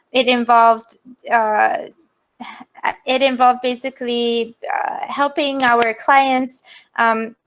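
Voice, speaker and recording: A woman's voice: on the high side, fairly bright tone. A woman in her thirties with an Albanian accent, giving an informal career presentation to students over a video call as a guest speaker.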